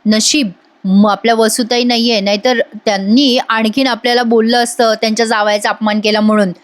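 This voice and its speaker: A woman's voice: a little high, flat delivery, a little fast, close to an everyday voice. A woman voicing a disapproving older uncle in her own voice, grumbling his complaints.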